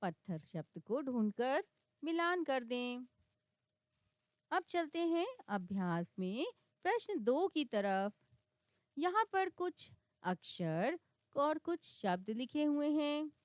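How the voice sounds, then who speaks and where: Woman teacher reading words out slow and clear for kids, high voice, dry sound. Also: big pitch swings, no echo. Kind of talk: reading lesson for children.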